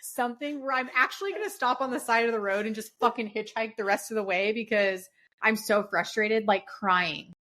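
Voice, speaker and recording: A middle-aged woman telling a story in casual chat, animated and swearing freely as she acts out what people said. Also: a little high, brisk. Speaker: podcast co-host.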